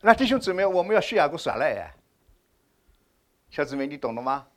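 High-voiced guy preaching, super lively, keeps asking the crowd questions, loud then quiet. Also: brisk. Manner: animated, rhetorical questions to the congregation; swings between loud exclamations and hushed asides. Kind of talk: sermon.

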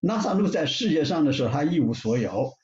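A male preacher delivers a sermon with a lively, rising and falling delivery, pressing his points again and again. His voice carries a clear echo from a large room. The sound is slightly dull, with faint ambience behind it. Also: a little high, quick pace. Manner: emphatic, repetitive, with frequent "ah" fillers.

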